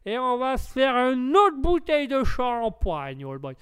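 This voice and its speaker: Man voicing a rowdy tipsy American, high and booming, crisp dry sound. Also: huge pitch swings, measured pace, fairly bright tone, no room sound, full character voice. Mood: boisterous tipsy. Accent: fake American accent in French. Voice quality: boisterous, says "old boy". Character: loud tipsy American man pushing champagne.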